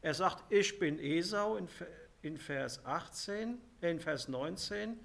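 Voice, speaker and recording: Slow gravelly German preacher man. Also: on the high side, animated, a bit bright. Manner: slow, emphatic preaching with quoted scripture. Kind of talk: sermon on scripture.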